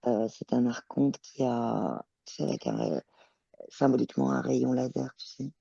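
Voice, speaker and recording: A woman working as a telepath, describing her visions in a channeling session, halting and searching for words. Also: extremely low pitch, sing-song, creaky, warm tone, breathy edge, dry recording, lo-fi sound. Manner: hesitant, searching for words, many fillers.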